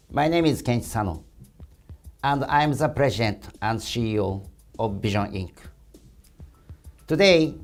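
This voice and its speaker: A man from Japan, giving a scripted business presentation as company president in formal, halting phrases. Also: medium pitch, darkish tone.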